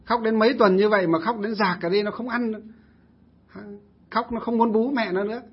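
A male Buddhist monk telling a story in a casual, lively way, often acting out what others said. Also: high-pitched, a little fast, husky. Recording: dull lo-fi recording.

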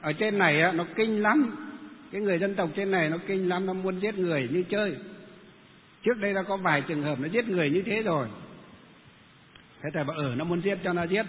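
High-voiced monk telling a story. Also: male voice, quick pace. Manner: lively, rhetorical questions. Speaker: Buddhist monk. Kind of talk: storytelling talk. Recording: tinny phone-like sound with long reverb and faint noise.

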